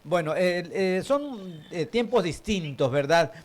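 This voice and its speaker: Un hombre mayor, abuelo, que conduce un programa de radio con tono jovial, charlando con muletillas y vacilaciones. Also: male voice, high voice, lively intonation, takes it slowly. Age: older. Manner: jovial, chatty, hesitant fillers. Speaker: radio host. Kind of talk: casual radio chat.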